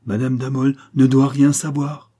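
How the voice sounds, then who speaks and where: A man reading a novel aloud, voicing a proud and commanding noblewoman with a forceful, insistent delivery. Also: medium pitch, flat delivery, measured pace, husky, voice pushed up. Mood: grave.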